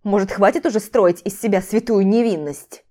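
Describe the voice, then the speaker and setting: A woman voicing a domineering ex-husband in an audiobook, speaking in a flat, calm, mocking way. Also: medium pitch, normal speed, natural voice.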